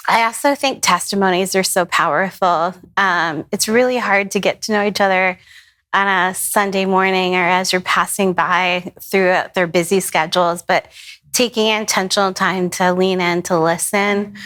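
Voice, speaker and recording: A woman with a somewhat low voice speaks at a roundtable. She talks in a thoughtful, measured way, pausing over fillers as she makes her points. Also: steady tone, a bit bright. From United States. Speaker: pastor. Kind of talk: roundtable discussion.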